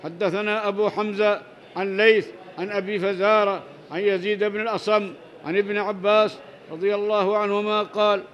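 A man with a high voice reads religious texts aloud in a level, even tone, keeping his pitch narrow. He works through each chain of narrators and then explains the text in plain words, adding short prayers as he goes. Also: brisk. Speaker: Islamic teacher reading hadith.

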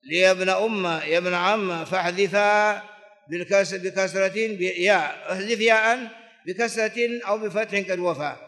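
A man teaches classical grammar in a rather high voice. He goes over each example form again and again and chants lines of old verse. His voice rings on in the long echo of a large hall. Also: moderate pace, fairly bright tone. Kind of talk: classical grammar lesson, explaining and reciting verse.

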